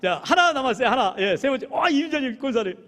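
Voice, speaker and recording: A high-voiced male pastor preaching with a lively, swooping delivery. He jokes with the congregation and calls on people by name. His voice rings through a big, reverberant church sanctuary. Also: fast. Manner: lively, joking with the congregation and calling on members. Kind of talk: sermon.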